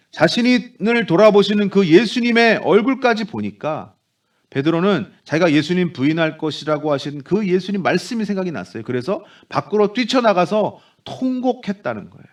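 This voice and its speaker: A man preaching a Sunday sermon as pastor, animated, dropping into soft low voices for quoted speech. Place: church sanctuary.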